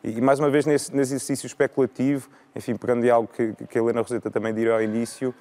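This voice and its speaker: Portuguese guy, 30s, debate panelist, talks slow and careful with lots of restarts, mid pitch. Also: flat delivery, darkish tone. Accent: European Portuguese. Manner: measured, with frequent repetitions and restarts. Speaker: law lecturer and debate guest.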